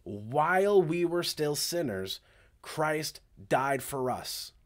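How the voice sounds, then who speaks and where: A man's voice: a little high, big pitch swings, slow pace. A man preaching a sermon as pastor, speaking directly and conversationally and often checking in with the congregation.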